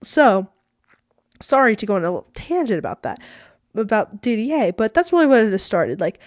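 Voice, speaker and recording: A woman's voice: mid-range voice, big pitch swings, moderate pace, dry recording, studio quality. A teenage girl hosting her own podcast, rambling in a casual, self-deprecating way, with a lot of "like" in her speech. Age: teens. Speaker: podcast host. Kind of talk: casual solo podcast monologue.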